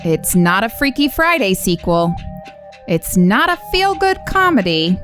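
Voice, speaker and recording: A woman's voice: medium pitch, very animated, measured pace, fairly bright tone, faint music behind. Giggly woman podcast co-host. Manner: giggly, teasing, laughs often. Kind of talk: casual podcast chat.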